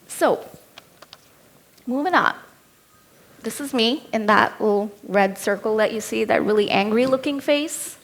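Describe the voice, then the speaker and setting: This keynote speaker is a woman in her thirties with an Indian accent and a rather high voice. She tells a personal story candidly and with light humor, taking her time and leaving long pauses.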